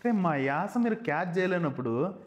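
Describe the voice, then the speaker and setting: A man's voice: high voice, expressive, moderate pace, dull audio. A man from Anantapur with a Rayalaseema Telugu accent, a stand-up comedian hosting a podcast and telling stories bluntly with jokes and English words mixed in. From Anantapur village, Andhra Pradesh. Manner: blunt, joking storyteller mixing English words. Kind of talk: casual podcast chat. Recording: echoey room.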